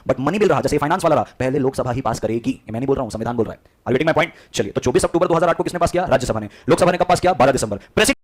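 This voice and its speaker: Fast-talking male lecturer quizzing students. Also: medium pitch. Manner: quizzes students with repeated questions; mixes English terms into Hindi. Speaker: teacher. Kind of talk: classroom lecture. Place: classroom with students.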